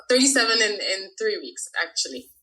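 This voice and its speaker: A woman's voice: fairly high pitch, pushed and bright, low-quality recording. A woman in her thirties from France, a freediver talking casually as an interview guest, chatty with frequent laughs and fillers. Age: 30s.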